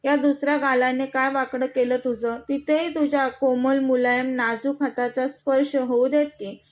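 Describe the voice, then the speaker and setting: A woman's voice: high-pitched, little pitch movement, normal speed, close to an everyday voice. A woman voicing an arrogant, menacing young male villain who taunts and threatens in a storybook reading. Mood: taunting. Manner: mocking, threatening.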